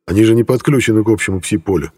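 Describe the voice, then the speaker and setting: A man's voice: on the low side, rapid-fire, warm tone, slightly rough, long reverb tail. A man voicing an earnest, easily flustered young man in an audiobook, blunt and a little bewildered. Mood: irritated. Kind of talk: audiobook character voice.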